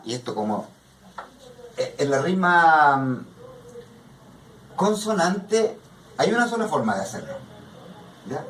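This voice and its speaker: His voice fairly high, a man patiently explains poetry to students in a classroom workshop, frequently asking "¿ya?" to make sure they're following. Captured from a distance in an echoey room, the recording has slight background noise.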